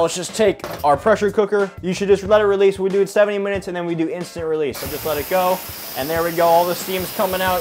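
Male cooking-vlog host, quick fast patter, crude jokey humor, home kitchen. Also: a little high. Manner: joking and profane, chatty.

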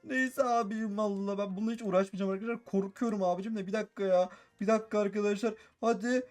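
A man playing a Minecraft role-play and commenting excitedly, repeating his phrases and constantly addressing viewers. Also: high-pitched, quick pace. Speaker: gaming YouTuber.

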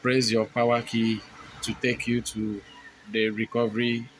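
A man narrating a step-by-step phone tutorial, explaining each button press in steady, repetitive phrasing. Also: mid-range voice, unhurried, slight background noise, low-quality recording. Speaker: tech tutorial host.

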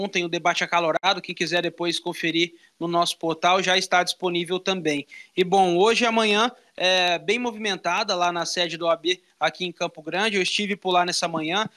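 Bright-voiced young Brazilian male reporter. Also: high-pitched. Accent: Brazilian Portuguese. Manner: informative, conversational, with filler "tá?". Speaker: radio reporter. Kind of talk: live news report. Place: small radio studio with meeting table. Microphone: handheld microphone.

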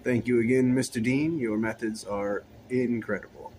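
Mid-range and a little mellow, a man's steady voice carries at normal speed through a relaxed tour of his fish room and its rows of tanks. The aquarium vlogger shoots on a handheld phone camera and chats loosely, with a bit of hiss or hum underneath.

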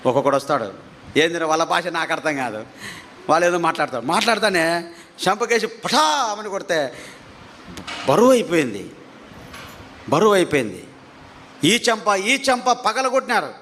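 Animated male preacher telling his testimony. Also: normal speed, long pauses, a little hiss or hum. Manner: animated, pitch rising sharply at tense moments; repeats phrases for emphasis. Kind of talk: testimony storytelling.

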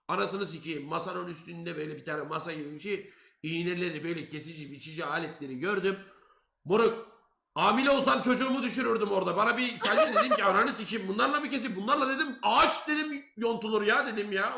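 A young man telling a story to his stream chat in a casual, animated, profane way, loudly acting out his own lines. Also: high voice, vocal fry. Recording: roomy echo.

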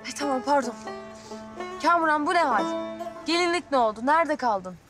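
A fussy excitable young woman, high and quick, tv comedy. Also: over music. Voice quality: excitable, hurried. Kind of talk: TV comedy acting.

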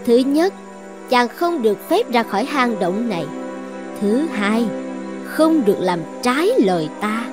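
A woman voices a possessive young island sorceress in a cartoon fairy tale, coaxing and threatening with commanding self-assurance. Her voice is slightly high with wide pitch swings and a measured pace, and music plays behind her.

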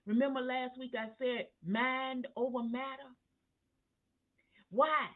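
A woman pastor preaching at a Bible study, in a slow, emphatic cadence that rises to fervent peaks. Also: high-pitched, fairly even intonation. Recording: tinny phone-line sound.

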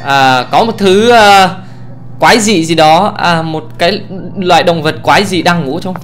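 A man giving let's play commentary on a horror game, excitable and often exclaiming and swearing casually. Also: high voice, measured pace, soft background music. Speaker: gamer, channel host.

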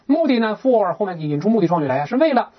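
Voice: mid-range voice, sing-song, fast talker, muffled recording. An English teacher working through a textbook lesson, asking rhetorical questions and reading example sentences aloud. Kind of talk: explaining a textbook lesson in Chinese.

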